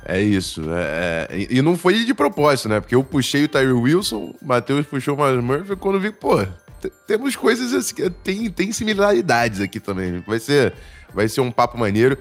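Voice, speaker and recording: A Brazilian man hosting a casual sports podcast in informal, halting, slangy talk, his voice slightly strained and failing. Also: mid-range voice, sing-song, soft background music. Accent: Brazilian Portuguese. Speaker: podcast host.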